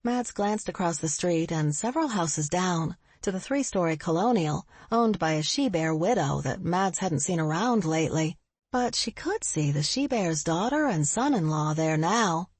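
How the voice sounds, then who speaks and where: Woman narrator, husky, lower voice, dry booth sound. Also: lively intonation, normal speed, no room sound. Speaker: audiobook narrator. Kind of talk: scripted audiobook narration.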